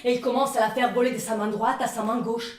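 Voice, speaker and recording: A stage actress from northern Italy, speaking with an Italian accent, performs a one-woman show built on a dramatic, comic first-person monologue. Her voice is on the high side and quick, delivered expressively, and the room is echoey with a distant microphone.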